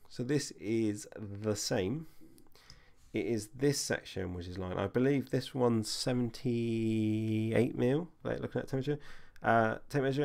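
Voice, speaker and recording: Brief: man, low gravelly voice, laid-back live-stream build tutorial, chatty with viewers. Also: a little mellow. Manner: chatty, answers viewer questions as he works.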